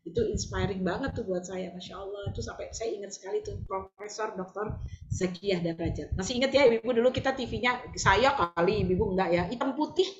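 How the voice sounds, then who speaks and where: An older woman teaching a religious study group, animated and often asking her listeners to agree. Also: medium pitch, a little fast, roomy sound, muffled recording, a little hiss or hum.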